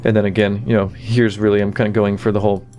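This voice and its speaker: Man, low voice, flat delivery, casual commentary, lots of fillers, faint music behind. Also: quick pace. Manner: relaxed, many fillers like "you know" and "kinda". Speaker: animator giving commentary.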